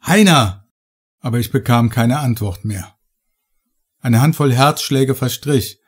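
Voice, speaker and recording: A man reading first-person horror audiobook narration in a measured, dramatic way. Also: medium pitch, a little mellow, husky.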